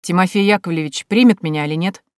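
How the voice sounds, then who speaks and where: A woman's voice: on the low side, fast talker, clear, resonant tone, no room sound, studio quality, lightly acted. A woman reading an audiobook, voicing a blunt, suspicious bearded male butcher. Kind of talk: audiobook character voice.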